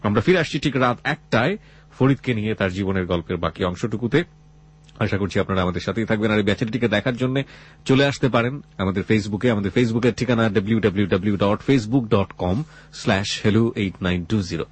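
A man with a Bangladeshi accent hosts late-night radio in a low, husky voice. He speaks deliberately and philosophically, dropping English phrases into his talk as he addresses listeners. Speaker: radio host. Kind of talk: late-night life-story talk show hosting.

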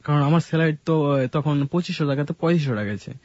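A man telling his life story in a casual radio conversation, halting, with many fillers and restarts. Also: fairly high pitch, a little mellow, no room sound. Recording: dull lo-fi radio studio sound.

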